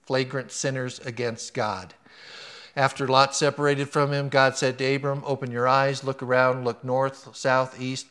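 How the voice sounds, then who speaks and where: A man gives a sermon in a relaxed, conversational way. He tells an anecdote with animation, then moves into reading a scripture passage. His voice sits at an ordinary middle pitch for a man. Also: clean tone. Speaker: pastor.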